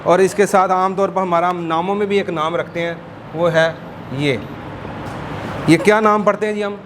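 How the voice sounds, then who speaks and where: A man teaching a Quran class, drilling Arabic letter sounds by repeating them slowly. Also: high-pitched, fairly even intonation, a bit bright, slight background noise, rough recording.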